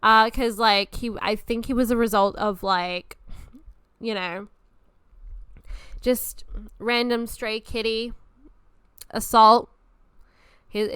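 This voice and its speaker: A woman in her twenties hosts a podcast in a casual monologue, rambling, gushing and swearing often. Her voice sits on the high side with a fairly bright, clean tone and no room sound.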